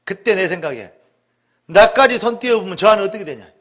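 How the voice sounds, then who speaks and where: Male pastor, high-pitched, emphatic storyteller, repeats words for stress. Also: animated, brisk, fairly bright tone. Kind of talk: sermon testimony.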